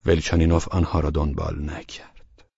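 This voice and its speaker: A man narrating a novel as an audiobook in a steady, measured reading. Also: rumbling low, vocal fry, husky, no echo. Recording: dull lo-fi dry recording.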